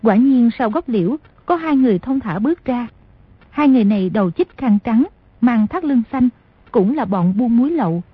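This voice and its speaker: Very husky woman narrating. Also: fairly high pitch, moderate pace, no echo. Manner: steady storytelling. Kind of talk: audiobook narration. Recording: dull lo-fi dry recording.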